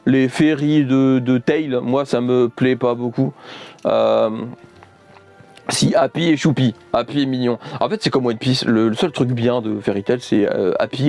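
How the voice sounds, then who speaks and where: A man's voice: mid-range voice, a little mellow. A man chatting casually while unboxing gifts on camera, rambling, joking and laughing often. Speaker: YouTuber unboxing a subscription box.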